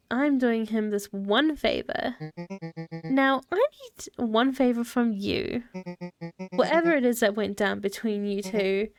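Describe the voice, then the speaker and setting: A woman's voice: fairly high pitch, dry recording, clean studio sound. A woman voicing a blunt, exasperated teenage big sister. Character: bossy teenage big sister, eye-rolling.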